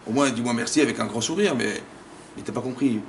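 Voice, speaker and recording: A man, a rabbi, giving a lively Torah class in a community center, casual in phrasing, acting out dialogues and firing rhetorical questions. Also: medium pitch, fast talker, a little hiss or hum. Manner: animated, acts out dialogues, fires rhetorical questions. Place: community center lecture room.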